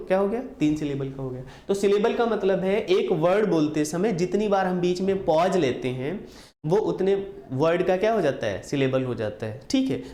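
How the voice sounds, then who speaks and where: A man's voice: high voice, warm tone. Echoey male grammar teacher. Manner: repeats key answers as call-and-response questions. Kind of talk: classroom grammar lecture.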